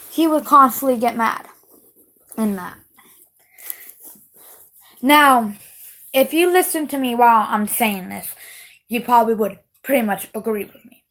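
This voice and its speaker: A woman's voice: high-pitched, fairly bright tone, rough recording. A woman venting on camera in a heated, repetitive rant, swearing and leaning hard on stressed words. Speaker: vlogger. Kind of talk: casual direct-to-camera rant.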